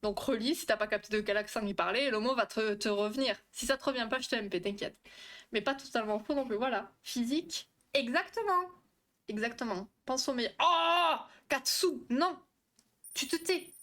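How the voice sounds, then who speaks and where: A young woman is hosting a relaxed live stream, answering her chat as she goes. She is chatty, swears freely and keeps tripping over her words. Her voice sits a little high. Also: quick pace. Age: young adult. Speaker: livestream host on relationships.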